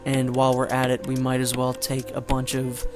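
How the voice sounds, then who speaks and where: A man's voice: medium pitch, completely flat delivery, normal speed. Rambling man commenting over game music. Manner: rambling, joking asides, frequent fillers. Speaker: let's play commentator. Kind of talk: casual gameplay commentary.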